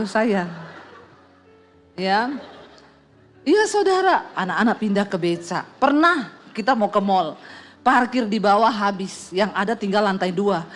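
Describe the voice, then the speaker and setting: A middle-aged woman pastor, preaching with humorous storytelling, quoted voices and sound effects. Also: medium pitch. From Indonesia. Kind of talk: sermon.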